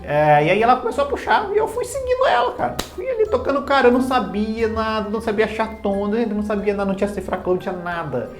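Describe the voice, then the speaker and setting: Um homem, professor de música, contando de forma descontraída e bem-humorada uma história pessoal, zombando de si mesmo. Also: male voice, high voice, fast talker, few pauses. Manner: animated, self-mocking and humorous. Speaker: music teacher. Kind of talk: casual personal storytelling. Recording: echoey room with faint music.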